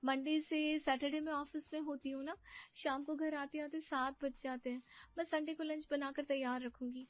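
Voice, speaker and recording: A woman voicing a sweet, polite newlywed young niece who speaks softly. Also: high-pitched, flat delivery, normal speed, highs cut off, voice pushed up, lightly acted. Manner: sweet, polite, soft-spoken.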